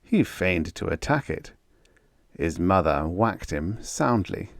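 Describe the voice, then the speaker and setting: A man narrates an audiobook story in a fairly low, creaky voice that moves through a wide, animated range at a slow pace. The sound is dry, with no room echo.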